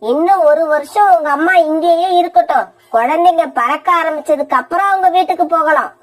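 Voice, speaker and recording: A woman's voice: very high-pitched, fairly quick, pitched above the performer's own voice. A woman voicing a harsh, scheming young mother bird in a cartoon, talking sarcastically and scolding.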